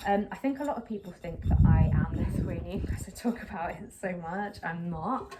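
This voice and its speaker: Expressive and fairly low-pitched at a moderate pace, a young Englishwoman chats on camera as she repots a plant outdoors. Self-conscious and rambling with lots of fillers, the plant vlogger sits on a slightly windy patio by a brick wall, with clear outdoor noise in the background.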